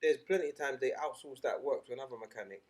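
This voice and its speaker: A man co-hosting a casual podcast chat, animated and emphatic, often swearing. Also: mid-range voice, quick pace. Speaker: podcast co-host.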